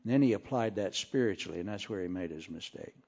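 An older man preaching a sermon full of humorous, self-deprecating stories, folksy and animated. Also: fairly low pitch, fast talker. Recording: muffled lo-fi recording.

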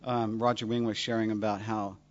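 A man pastor introducing the next speaker in a relaxed, rambling way. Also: on the low side, brisk. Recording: dull lo-fi sound.

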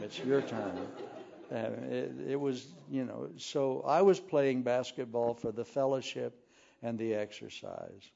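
Folksy older preacher telling jokes. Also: male voice, medium pitch, vocal fry. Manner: folksy, animated, self-deprecating. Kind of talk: sermon with humorous storytelling. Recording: muffled lo-fi recording.

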